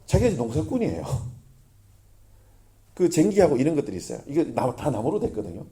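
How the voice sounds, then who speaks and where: A man preaching a sermon as pastor, lively, often asking the congregation questions. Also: a little high, quick pace.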